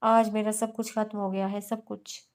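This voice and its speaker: A woman's voice: mid-range voice, flat delivery, moderate pace, lightly acted. A woman narrator voicing a grieving young woman who pleads through tears. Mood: anguished. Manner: sobbing, pleading outbursts.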